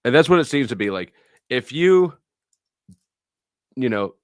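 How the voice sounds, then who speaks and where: In a studio-quality recording with no echo, the middle-aged host talks to his livestream audience in a sing-song, medium-pitched voice at a slightly slow pace. He's casual, rambling and blunt, sharing anecdotes and swearing a bit.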